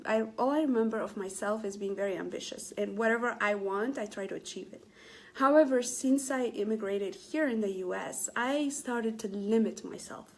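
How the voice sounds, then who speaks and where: Earnest chatty woman, slightly high voice. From Ethiopia. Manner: chatty, earnest, many fillers and restarts. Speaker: Facebook Live motivational host. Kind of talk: casual live-stream talk to viewers.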